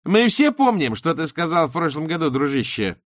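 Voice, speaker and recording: A man voicing a shrill, pushy female TV show judge who screeches at everyone. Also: wildly swooping pitch, extremely slow, creaky, a little mellow, no room sound, studio quality, full character voice. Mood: furious. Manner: screechy, brash, aggressive.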